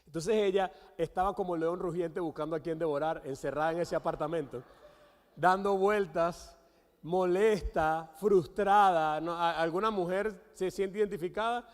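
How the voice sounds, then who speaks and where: A man with a Venezuelan accent, a guest pastor, preaching a sermon with animated storytelling and acted-out quotes. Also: high-pitched, normal speed. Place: church sanctuary. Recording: long church hall reverb.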